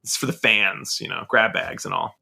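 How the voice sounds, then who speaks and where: A man's voice: deep voice, normal speed, vocal fry, husky. A man co-hosting a podcast in casual chat, with an enthusiastic, jokey delivery. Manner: animated, self-described enthusiastic, jokey delivery. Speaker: podcast co-host.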